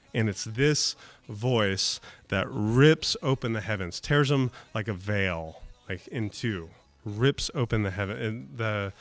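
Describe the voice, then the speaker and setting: A male pastor giving a sermon in a conversational way, with casual fillers, rising to emphatic bursts and dropping to soft, slow asides. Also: fairly low pitch, no echo.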